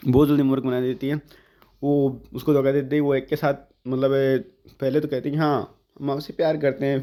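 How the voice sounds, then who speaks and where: Male tutor, exam vocab lesson, slow drawn-out definitions, mid-pitched voice. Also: dark tone. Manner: explains words in Hindi with slow drawn-out English definitions. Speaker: English vocabulary teacher.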